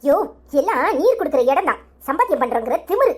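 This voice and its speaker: A performer voicing an indignant, sharp-tongued young wife in a cartoon comedy, with a Tirunelveli Tamil accent and a scolding manner. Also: sits high, big pitch swings, quick pace.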